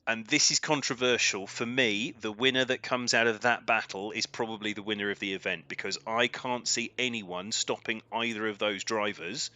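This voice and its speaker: A man commentating a live sim drift racing event, his voice climbing with excitement during the battles. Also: on the low side, moderate pace, hardly any pauses.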